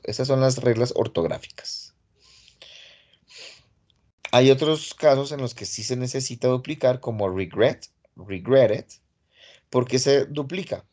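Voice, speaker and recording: Man, online English teacher, patient step-by-step explaining, mid-pitched voice, computer mic. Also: darkish tone. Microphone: computer mic on a video call.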